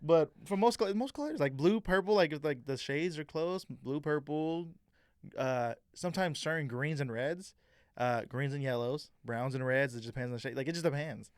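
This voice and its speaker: Animated young man telling stories. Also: a little high, normal speed, clear, resonant tone, dry recording, studio quality. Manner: animated storyteller, slangy, acts out quotes. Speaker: co-host. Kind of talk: casual chat.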